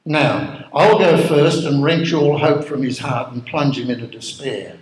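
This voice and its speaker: A man's voice: medium pitch, unhurried, close to an everyday voice. A man voicing the devil, giving impatient orders to his demons, in a roomy echo. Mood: commanding. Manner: commanding, impatient. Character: scheming male devil commanding his demons.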